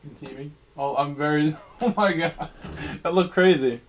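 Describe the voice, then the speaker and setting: A man chatting casually on a live stream, rambling and relaxed while he snacks and races. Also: a little high, normal speed, poor audio. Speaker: sim racing streamer. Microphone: headset.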